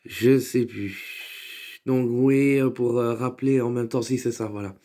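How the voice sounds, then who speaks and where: A man's voice: medium pitch, steady tone, unhurried, mellow. A man talking casually to camera about his videos, hesitant, with many fillers and restarts, now and then joking. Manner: chatty, joking aside. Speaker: vlogger and sketch maker. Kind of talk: casual rambling vlog talk.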